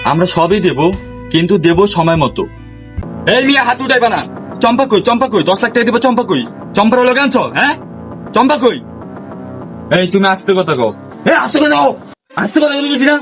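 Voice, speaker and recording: A man's voice: very high-pitched, expressive, a bit bright, full character voice. A man playing a boastful, shady adult man who bosses and threatens people in a comedy sketch. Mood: bossy. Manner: blustering, bossy, quick to threaten. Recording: music playing under the voice.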